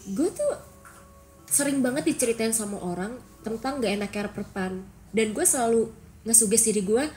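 A young woman co-hosting a podcast, telling stories in an animated, expressive way with casual slang. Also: a little high, moderate pace, soft background music. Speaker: podcast co-host. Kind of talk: casual storytelling chat.

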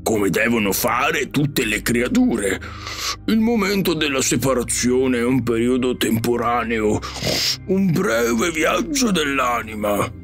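A man voicing a calm, wise pig-like alien beast in an audiobook, speaking in a measured, reflective way. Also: medium pitch, heavily acted. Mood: pondering. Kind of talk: audiobook character reading. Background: faint music.

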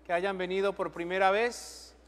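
A priest with a high, light voice addresses his congregation in a large church sanctuary. He moves between formal prayers and brisk, friendly announcements and blessings. Long reverb trails every phrase. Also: steady tone, slight background noise. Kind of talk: leading Mass and giving announcements. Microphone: far camera.

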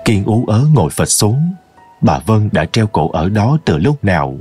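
A man narrating a scripted horror story in a slow, ominous storytelling manner. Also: fairly low pitch, big pitch swings, dark tone, breathy edge, soft background music.

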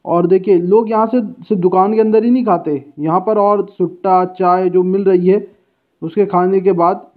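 Guy vlogging food, fairly high voice, tinny phone-line sound. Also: steady tone, normal speed. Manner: chatty, guiding the viewer along. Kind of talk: casual walking food-vlog narration. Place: outdoor street and busy food shop. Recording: tinny phone-like street recording.

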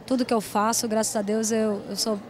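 A woman's voice: fairly high pitch, little pitch movement, brisk. Chatty woman singer in an interview. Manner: chatty and warm, talks in long run-on answers. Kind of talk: casual interview answers.

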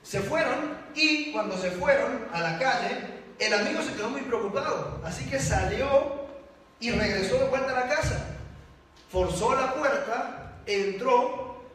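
A man giving an energetic live motivational talk, often turning to question the audience. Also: very high-pitched, unhurried. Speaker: motivational speaker. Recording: echoey hall from far off.

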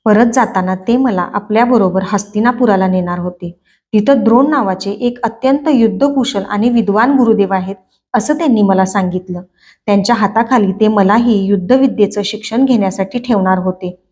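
A woman hosting a book reading channel, narrating a novel in a clear, expressive storytelling manner. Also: mid-range voice, normal speed. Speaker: book reader.

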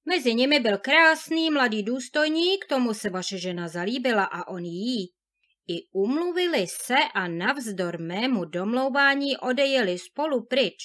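A woman reading a fairy tale aloud, voicing an anxious village innkeeper who explains slowly and apologetically. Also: on the high side, expressive, a bit bright. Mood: apologetic.

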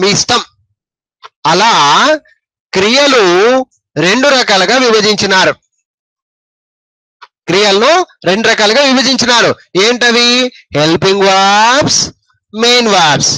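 A man with a high, bright voice and a Telugu accent teaches an English grammar lesson. He talks slowly and repeats himself, often stopping to quiz his listeners. The sound is dry and close. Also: dry recording, rough recording. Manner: explains slowly, repeats words and quizzes the listeners.

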